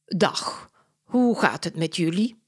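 A woman voicing a polite older male detective who speaks in a slow, measured, courteous way. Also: on the low side, animated, a little mellow, breathy edge, exaggerated voice.

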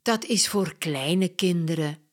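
A woman voicing a young schoolboy who is blunt and teasing, in a raised child voice for a read-aloud storybook. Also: takes it slowly. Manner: raised, higher pitched child voice.

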